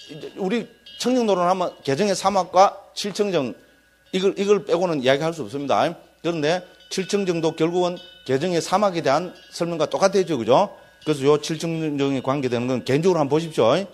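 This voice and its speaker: A middle-aged man with a Gyeongsang accent, a Buddhist monk giving a relaxed classroom lecture. He talks loosely and keeps checking for the class's agreement. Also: a little high. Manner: chatty, keeps asking listeners for agreement.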